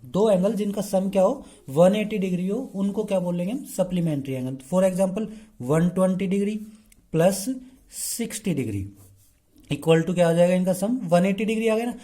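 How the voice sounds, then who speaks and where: A man with a mellow, warm tone teaches a math class. He switches freely between Hindi and English terms, poses questions to the class and answers them himself, and keeps checking in with the students. He slows to a drawn-out pace while writing on the board. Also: high voice. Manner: keeps checking in with the class by saying "okay" again and again. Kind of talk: explaining a lesson.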